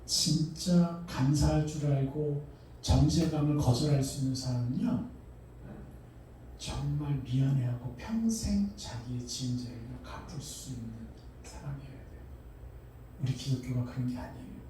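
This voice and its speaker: A middle-aged man preaching a sermon as a pastor, animated, asking his congregation questions and acting out voices. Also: medium pitch, moderate pace, slight background noise. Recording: echoey hall, mic far off.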